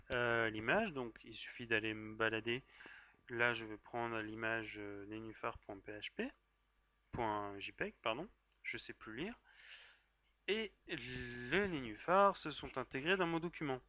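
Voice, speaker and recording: A man with a French accent walks through a software task in a casual screen-recorded tutorial. His voice is bright and forward, and his delivery is chatty and joking, with plenty of fillers and self-corrections. The recording is dry and slightly dull, like a basic desk-mic voice-over. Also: medium pitch, a little slow, no room sound.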